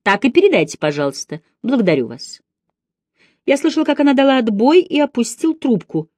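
A woman's voice: a little high, very animated, fairly quick, a little mellow, no room sound, studio quality. A woman narrating an audiobook of a classic novel, reading every character's lines herself with light shifts of voice. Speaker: audiobook reader.

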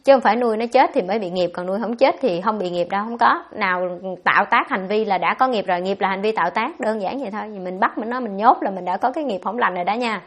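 A Buddhist nun giving a dharma talk, answering questions in a blunt, scolding way. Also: female voice, mid-range voice. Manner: blunt, scolding, fast-talking.

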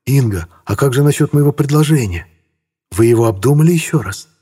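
A man's voice: mid-range voice, expressive, a little fast, dark tone, slightly rough, pitched above the performer's own voice. A man playing a gallant Italian prince. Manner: gallant, emphatic. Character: courtly, proud Italian prince, middle-aged man.

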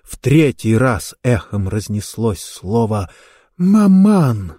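A man reading a story aloud in slow, measured narration. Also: mid-range voice, darkish tone, dry recording, studio quality. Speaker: audiobook narrator.

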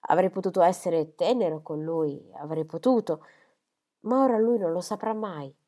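A woman's voice: fairly low pitch, moderate pace, warm tone, natural voice. A woman voicing a grieving elderly country squire who is proud and impulsive, speaking with emotional outbursts. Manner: emotional, outbursts of grief and anger.

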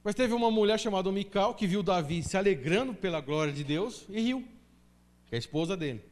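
A man's voice: high voice, lively intonation, brisk, darkish tone. A Brazilian man preaching a sermon as pastor in a church, emphatic and full of rhetorical questions. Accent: Brazilian Portuguese.

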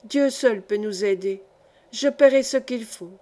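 A woman's voice: medium pitch, a little slow, dark tone, close to an everyday voice. A woman reading an anxious old peasant grandmother who pleads urgently, in a storybook. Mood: pleading.

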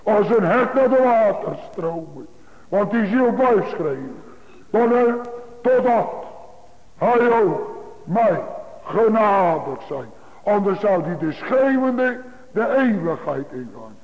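A man preaches to his congregation in a high, insistent voice, hammering home his points through repetition. The sound is thin and phone-like, and a long reverb trails each phrase through the church. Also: very animated, takes it slowly. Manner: emphatic, repetitive preaching cadence. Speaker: pastor. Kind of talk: sermon. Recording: tinny phone-like broadcast in a large reverberant church.

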